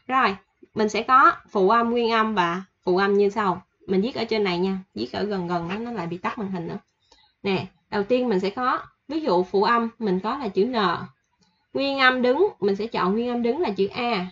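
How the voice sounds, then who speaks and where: A woman teaching a casual online language lesson, chatty and repeating each example slowly with fillers. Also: mid-range voice, fairly bright tone, slightly rough, highs cut off.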